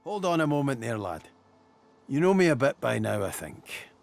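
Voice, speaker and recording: Gruff old fisherman type, creaky. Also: mid-range voice, very animated, moderate pace, soft background music. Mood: stern, warning. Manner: gruff old seafarer, frank, plain-spoken. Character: gruff, salty old dwarf sailor with a soft heart. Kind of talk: video game voice acting.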